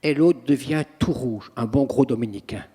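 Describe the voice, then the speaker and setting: A priest and exorcist in an interview, telling stories in an animated, dramatic way with acted quotes. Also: male voice, medium pitch, normal speed, slightly rough. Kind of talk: interview storytelling. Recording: long reverb, echoey room.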